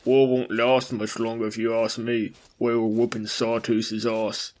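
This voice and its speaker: A man's voice: mid-range voice, flat delivery, unhurried, darkish tone, natural voice. A man voicing a skeptical, foul-mouthed soldier who scoffs at talk of magic. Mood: blunt scoffing. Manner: scoffing, swearing.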